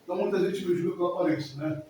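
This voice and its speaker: Rapid-fire and high-pitched with a dark tone, a man in his forties gives an emotional testimony in a church hall. He rambles and repeats himself often, heard from far away in the echoey room with faint noise.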